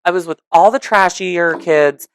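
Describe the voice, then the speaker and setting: A woman hosting a casual podcast, chatty and joking, reminiscing with quick asides. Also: fairly low pitch, clean tone, no echo, clean studio sound. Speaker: podcast host. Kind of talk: casual chat. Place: home.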